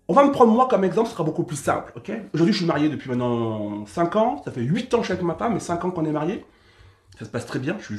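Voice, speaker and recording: A man with a French accent, a relationship coach talking casually and directly to his viewers in slangy, animated speech. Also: fairly high pitch, roomy sound. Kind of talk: casual monologue to camera.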